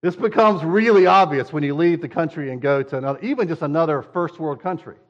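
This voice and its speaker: A man's voice: a little high, quick pace, dull audio. A man preaching a sermon in a conversational way, sometimes acting out whiny quoted voices. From United States. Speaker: pastor.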